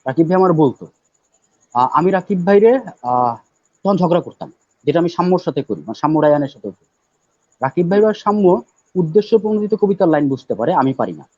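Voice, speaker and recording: A man speaking as a guest poet on a live talk show, loud and emphatic, repeating words for stress. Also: fairly high pitch, big pitch swings, fairly quick, long pauses, dry recording. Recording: dull, dry lo-fi audio.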